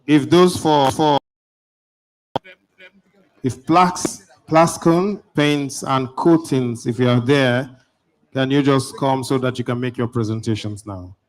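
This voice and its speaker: A man at a mid pitch emcees a housing exhibition from the stage. He is brisk and pushes speakers along, talking into a handheld microphone in an event hall. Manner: brisk, hurrying presenters along. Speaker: event host.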